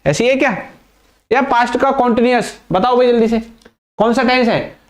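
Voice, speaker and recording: A man's voice: very high voice, normal speed. A young man teaching an English grammar lesson, quizzing the viewer with repeated questions and answering them himself, speaking English words. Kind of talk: classroom-style grammar lesson.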